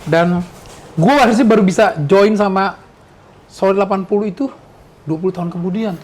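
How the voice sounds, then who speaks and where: Man in his sixties, high voice, rambling. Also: normal speed, darkish tone. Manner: rambling, reminiscing with restarts. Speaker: podcast host. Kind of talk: casual chat.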